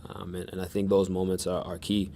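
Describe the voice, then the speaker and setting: A man answering questions at a press conference in a monotone, measured way with many restarts. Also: low-pitched, vocal fry. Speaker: soccer defender at press conference.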